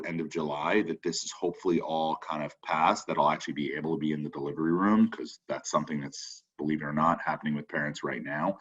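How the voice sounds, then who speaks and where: A man's voice: a bass voice, a bit bright, breathy edge. A young man co-hosting an online meeting show, chatting casually with many fillers and restarts over a video call. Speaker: co-host of a web forum show. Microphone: computer mic on a video call. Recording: slightly dull video-call audio.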